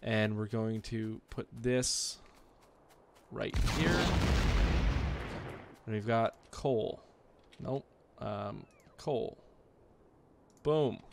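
A man's voice: fairly low pitch, extremely slow, gravelly, pauses often, very noisy. A man hosting a casual let's-play, thinking aloud with sassy, self-mocking remarks as he builds. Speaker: gaming video host.

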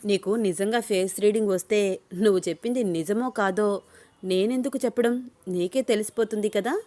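A woman's voice: mid-range voice, moderate pace, a little mellow, close to an everyday voice. Abhiram, a woman reading as a teasing young man. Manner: playful, teasing questions. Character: young man, teasing, smitten office boss. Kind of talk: storybook reading.

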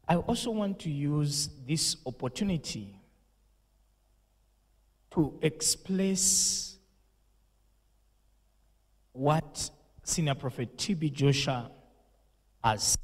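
A young Zambian pastor offers a solemn condolence message and prayer into a handheld mic on an indoor studio set with purple lighting. His mid-range voice is slightly rough, and he speaks slowly with preacher's emphasis in a big-room sound.

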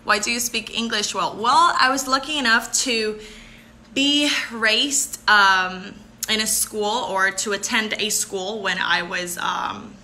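A Puerto Rican pageant contestant in her twenties hosts a livestream from a bright indoor room, answering viewer comments, laughing often, and switching between English and Spanish. Her mid-range voice is bright and forceful, and she takes it slowly. Her phone camera is held close, with a little hiss or hum.

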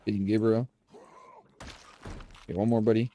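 A young man streams his gameplay from a room at home, casually commenting through a headset and calling his viewers "boys." His nasal voice is on the low side and moderately paced. The sound is lo-fi with slight background noise.

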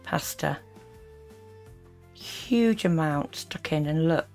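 A woman's voice: deep voice, animated, slow pace, a little mellow, faint music behind. A woman giving critical reaction commentary as host, disapproving and full of sarcastic asides.

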